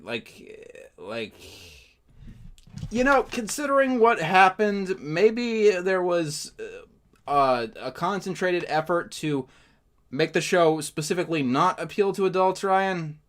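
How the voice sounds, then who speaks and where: A man with a fairly high voice reacts to a video on his stream. His talk is casual and stammering, full of swearing and disbelief. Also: a little slow. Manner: profane, stammering, incredulous.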